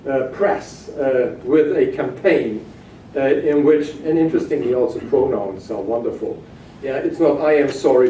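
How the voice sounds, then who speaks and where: A man giving a halting academic keynote lecture, with frequent hesitations, in a conference room. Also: on the high side, dark tone. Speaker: keynote speaker. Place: hotel conference room, at a lectern. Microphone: far camera at back of room. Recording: echoey distant room recording with noise.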